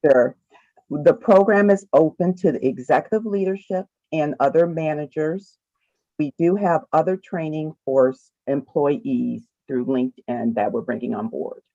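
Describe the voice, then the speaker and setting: A woman dials into a public meeting from her computer, her voice muffled and dull as the remote audio drops in quality. Her tone is dark and mellow, set close and dry with no room around it. She answers questions plainly and briefly, like an office director. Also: unhurried, no echo. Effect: muffled, low-quality audio over a remote computer link. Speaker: county human resources director. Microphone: computer mic on a remote call.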